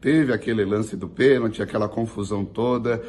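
Hoarse, gravelly man reporting sports. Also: on the low side, brisk, a little mellow, slight background noise. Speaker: sports streamer giving team news. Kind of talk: informal sports news report.

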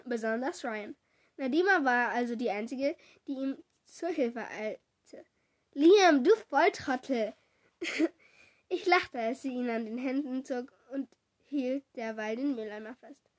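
A woman slowly reading a children's storybook aloud, correcting small slips as she goes. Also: on the high side. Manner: slow, deliberate reading with small self-corrections.

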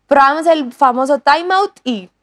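A woman talks through a lesson earnestly, pausing and restarting often. Her voice sits high, and the sound is close and dry. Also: no room sound. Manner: earnest, many restarts and fillers. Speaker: co-host teaching on discipleship. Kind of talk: casual teaching talk.

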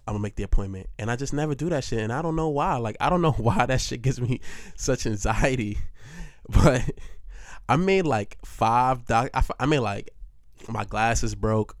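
A man's voice: mid-range voice, normal speed, dry recording, clean studio sound. A young man talking casually and profanely in a rambling monologue, laughing often as he goes. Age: young adult.

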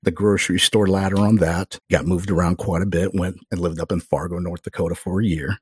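A middle-aged man with a very low, husky voice tells stories in a relaxed, chatty way. He jumps up in pitch and volume whenever he acts out what others said. The sound is close and dry. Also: a little fast, no room sound. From Oklahoma. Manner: animated storyteller, loudly acts out quoted voices. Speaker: podcast guest. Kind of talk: casual storytelling.

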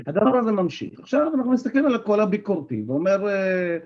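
A man, an NLP coach and therapist, giving an animated workshop talk and asking the group questions. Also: high voice, lo-fi sound.

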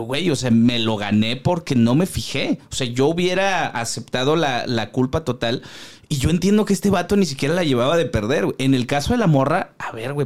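Higher-voiced slangy Mexican man. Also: a little mellow. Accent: Mexican Spanish. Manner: slangy, apologetic, giggly. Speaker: podcast co-host. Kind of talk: casual podcast chat.

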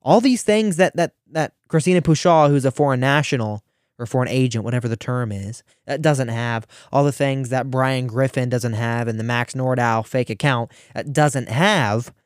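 A man's voice: medium pitch, normal speed, clean tone, dry recording, clean studio sound. A teenage boy hosting his own radio talk show solo, rambling with restarts and fillers while hiccuping. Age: teens.

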